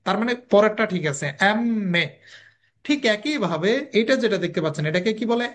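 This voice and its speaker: Patient teacher drilling pronunciation aloud. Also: medium pitch. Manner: asks questions and answers them himself; repeats sounds slowly for drilling. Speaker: language teacher. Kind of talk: recorded online language lesson.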